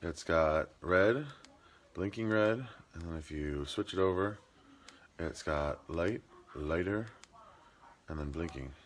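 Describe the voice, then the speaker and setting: Speaking slowly with long pauses in a low-pitched voice, a Midwestern American man in his thirties goes over a gift list for his homestead vlog. He films himself at arm's length with a handheld camera in his home rooms and garage, keeping things chatty and jokey alongside plain product talk.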